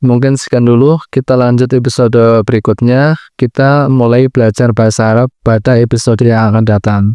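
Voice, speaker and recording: Calm, measured man explaining a lesson. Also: medium pitch, smooth, no echo, clean studio sound. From Central Java, Indonesia. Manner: explanatory, measured, speaks in short clauses. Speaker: Arabic language teacher. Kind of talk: educational lesson.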